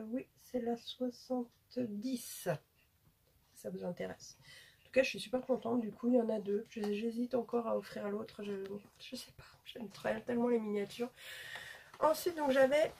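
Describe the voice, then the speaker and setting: Woman, beauty haul vlog, chatty and hesitant, gravelly, husky. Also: fairly high pitch, steady tone, a little slow, mellow. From France. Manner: chatty, hesitant with many fillers. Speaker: beauty vlogger.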